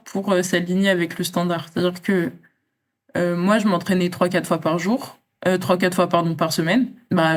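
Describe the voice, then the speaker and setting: Young woman, from France, interview guest, reflective, hesitant fillers, lowish voice. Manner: reflective, many fillers and restarts. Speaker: kickboxing champion guest. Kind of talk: casual interview talk.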